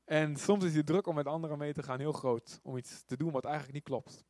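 Chatty preacher with a higher voice. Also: male voice, a little fast, dry recording. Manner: informal, asks rhetorical questions; animated storytelling with acted quotes. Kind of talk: conversational sermon.

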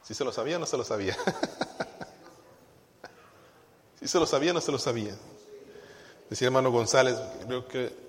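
A man preaching a sermon as pastor, animated, acting out little quoted voices from his congregation. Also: mid-range voice, big-room sound. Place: church.

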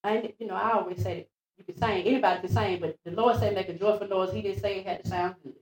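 A woman preaching in a church before the pastor, retelling Bible stories in a lively, repeating way and acting out the quotes. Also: mid-range voice, fast. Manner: lively, repeats phrases, acts out quotes, laughs at herself. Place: church sanctuary. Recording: echoey church room.

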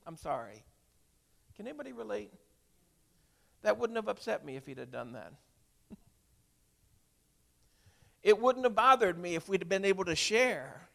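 Gravelly older man preaching a testimony. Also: high-pitched, big pitch swings, normal speed, long pauses. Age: 60s. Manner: heartfelt, storytelling, swings from hushed to loud. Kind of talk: emotional sermon testimony.

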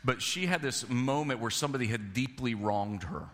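A middle-aged man preaching a sermon as pastor, telling stories animatedly with quoted voices and slowing down to read scripture. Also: medium pitch, a bit bright, long reverb tail.

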